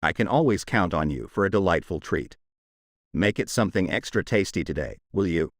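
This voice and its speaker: A man plays a smug cartoon house cat who loves food. He speaks in a lowish, sly, wry voice, recorded close and dry. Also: expressive, fairly quick, no room sound.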